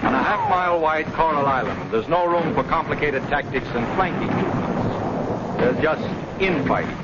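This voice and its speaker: A man's voice: fairly high pitch, animated, moderate pace, very noisy. A man with an American accent narrating a scripted 1940s wartime newsreel in a dramatic, declarative way. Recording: dull 1940s newsreel, loud music behind.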